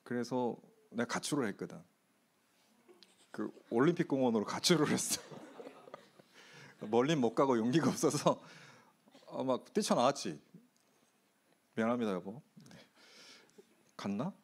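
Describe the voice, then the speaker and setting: A man's voice: mid-range voice, lively intonation, a little slow, gravelly, long pauses, slight background noise. A middle-aged man, a pastor, candidly telling a self-mocking personal story during a youth retreat Q&A.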